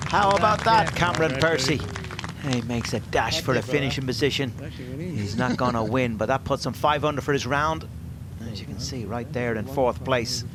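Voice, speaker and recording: A man's voice: mid-range voice, normal speed, crowd noise. A man giving live commentary on a golf tournament. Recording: loud outdoor background noise.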